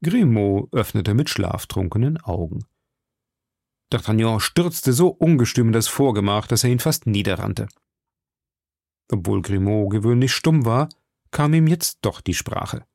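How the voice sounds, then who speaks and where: A man reading a novel aloud in a steady, expressive manner. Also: on the low side, unhurried, vocal fry, dry recording, clean studio sound. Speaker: reader of a novel. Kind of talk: read-aloud literary narration.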